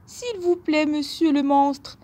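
Woman doing a squeaky tiny goat. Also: takes it slowly, warm tone. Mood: pleading. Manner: pleading, squeaky. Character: tiny timid little billy goat, high-pitched.

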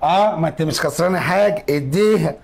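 A man's voice: a little high, fast talker, vocal fry. A man playing a young Egyptian brother who wriggles out of a bet, pleading and stammering in a comedy sketch. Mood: sheepish. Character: young adult brother dodging a lost bet.

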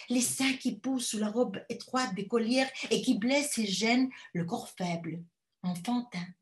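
Woman reading slowly and expressively. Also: medium pitch. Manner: slow, measured, expressive narration. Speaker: actress. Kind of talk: dramatized literary reading. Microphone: video call.

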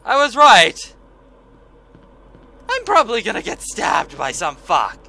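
A man's voice: high-pitched, huge pitch swings, slow pace, creaky, sharp tone. A man streaming a horror game with jumpy, scared, sarcastic commentary full of swearing and exclamations. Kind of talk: casual, profane let's-play commentary. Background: game music.

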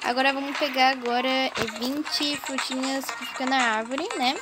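A woman hosting a gaming channel, chattering excitedly through casual gameplay commentary while constantly talking to her viewers, recorded without her usual microphone. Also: high-pitched, normal speed, very noisy.

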